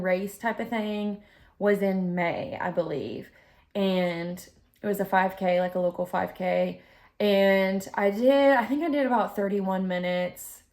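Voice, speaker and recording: Chatty woman vlogger with a creaky voice. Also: medium pitch, darkish tone. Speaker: fitness vlogger; group fitness instructor. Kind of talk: casual rambling vlog chat.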